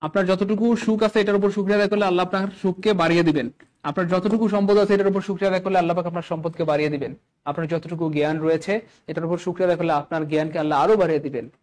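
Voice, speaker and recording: A man teaching a live exam-prep class, animated and constantly quizzing his students, weaving religious phrases into his lesson. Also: high-pitched, low-quality recording. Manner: animated, keeps asking students questions.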